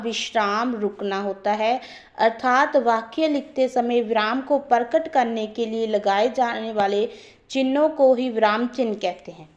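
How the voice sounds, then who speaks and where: A woman's voice: a little high, lo-fi sound. A woman teaching a grammar lesson who explains step by step and repeats her points.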